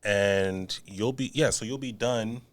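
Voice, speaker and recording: A male podcast co-host who steers the interview with straightforward questions and brief nods of agreement. His voice sits on the low side. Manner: asks questions, quick affirmations.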